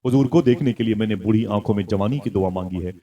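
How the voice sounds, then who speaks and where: Speaking fast in a lowish voice, a male preacher tells stories with real passion, swelling into loud exclamations and prompting the congregation to respond.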